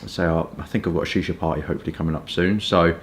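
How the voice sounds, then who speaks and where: A man from Kent with a southern English accent, chatting informally and hesitantly in a rambling casual review, with stop-start pauses. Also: low-pitched, steady tone, slight background noise. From Kent, England. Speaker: pipe tobacco reviewer.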